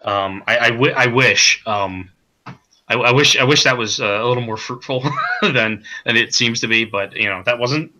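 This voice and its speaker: A man being interviewed as a comic creator, talking in a halting way with many repeated words and restarts. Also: mid-range voice, pushed and bright, poor audio. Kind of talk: casual stream interview.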